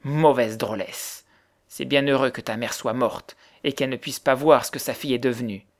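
A man's voice: mid-range voice, steady tone, normal speed, lightly acted. A man voicing a bitter, grieving widowed mother who speaks harshly and accusingly. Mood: scornful. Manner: harsh, accusing, later softening into sobs.

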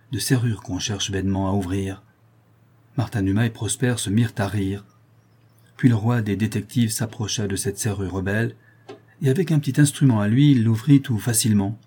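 A man narrating a novel in a measured, even storytelling manner. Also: fairly low pitch, breathy edge. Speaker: audiobook narrator.

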